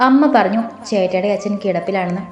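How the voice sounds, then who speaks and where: A woman voicing a lively, naive young girl. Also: medium pitch, quick pace, close to an everyday voice. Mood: eager. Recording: roomy with faint music.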